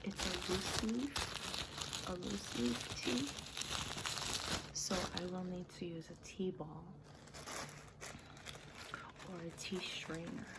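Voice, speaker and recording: A woman doing an intimate, halting ASMR ramble, soft-spoken and often whispering, close to the mic. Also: on the low side, gravelly. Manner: slow, halting, intimate personal-attention talk. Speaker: ASMR host. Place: small dim room indoors. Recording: noisy room, crinkling bags. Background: crinkling and rustling bags, noise.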